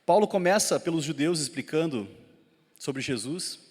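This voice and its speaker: A man's voice: fairly high pitch, lively intonation, moderate pace, darkish tone, breathy edge. A man with a Gaúcho Brazilian accent preaching a sermon as pastor, swelling in intensity and putting questions to the congregation. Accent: Gaúcho Brazilian Portuguese. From southern Brazil (Rio Grande do Sul). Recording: long church hall reverb.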